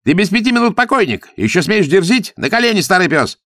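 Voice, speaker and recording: A man voicing a vain young horseman villain, shouting loud mocking taunts. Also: high-pitched, big pitch swings, fast, dry recording, clean studio sound, voice pushed up, heavily acted. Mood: taunting.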